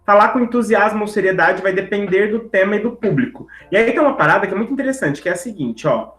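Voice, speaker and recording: A man teaching public speaking in an online class, talking fast and lively and checking in with the audience as he goes. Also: high voice, reverberant, soft background music, rough recording. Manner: lively, talks straight to the audience with tags like "tá?" and "né?"; brisk, speeding up on purpose to fit the content in. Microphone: video call setup.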